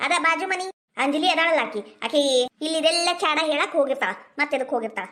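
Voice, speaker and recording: A woman's voice: high voice, animated, quick pace, a bit bright. A woman playing a grumbling old village mother-in-law with a North Karnataka Kannada accent, scolding and cursing as she complains.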